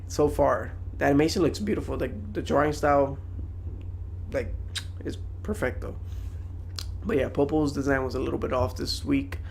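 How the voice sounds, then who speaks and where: A man's voice: mid-range voice, creaky, slight background noise. A young man giving a casual, slangy, rambling anime review to viewers.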